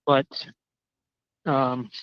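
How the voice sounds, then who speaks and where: A man calling in on a crackly phone line that fades in and out, walking a dog outdoors and telling his story in a halting, indignant way, often repeating words. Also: mid-range voice, monotone, smooth, dry recording. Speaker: caller. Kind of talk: casual chat. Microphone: cell phone.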